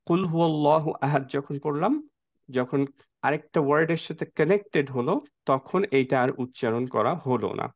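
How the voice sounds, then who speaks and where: A man teaching a Quran reading class, explaining step by step and often asking his students questions. His voice sits at a middle pitch and comes through a dull, dry recording with little room sound. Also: moderate pace, no echo. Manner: mixes English words into speech. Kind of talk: classroom lecture.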